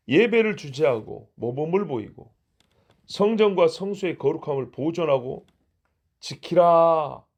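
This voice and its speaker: Gravelly-voiced male pastor preaching. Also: medium pitch, a little mellow. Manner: conversational preaching with rhetorical questions. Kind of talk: sermon. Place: church.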